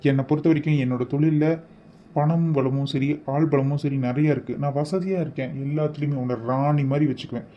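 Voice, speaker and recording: A man's voice: a little high, steady tone, brisk, muffled recording, lightly acted. A man voicing an obsessive, lovesick young man in a cartoon, talking in an insistent, pleading way. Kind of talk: cartoon voice acting.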